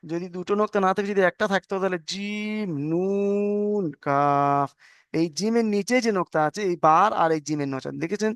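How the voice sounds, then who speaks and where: Patient man teaching letters, smooth clear voice. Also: sits high, fairly bright tone, no room sound, clean studio sound. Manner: patient, repeats letter names slowly, asks if students understood. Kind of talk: online lesson on Arabic letters.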